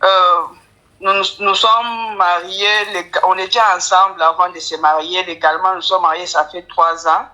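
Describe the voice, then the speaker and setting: A woman with a Congolese accent telling her story as a deferential caller, in halting, broken French as a non-native speaker with grammar slips. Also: on the low side, fairly even intonation, bright, forceful tone, poor audio. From Kinshasa, Congo. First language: not French; speaks it with difficulty. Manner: deferential, often addressing the coach by title. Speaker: caller to a live coaching show. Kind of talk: personal storytelling.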